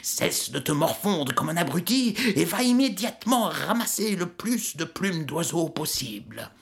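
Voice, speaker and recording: A woman voicing a wise old father in a storybook reading, solemn and measured. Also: lowish voice, very animated, vocal fry, pitched above the performer's own voice, heavily acted.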